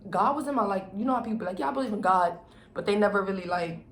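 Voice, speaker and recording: Animated young woman telling a story, gravelly voice. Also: medium pitch, racing. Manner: animated storytelling, acts out quotes, heavy slang and swearing. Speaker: vlogger telling a personal story. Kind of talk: casual story time. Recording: roomy echo with faint background noise.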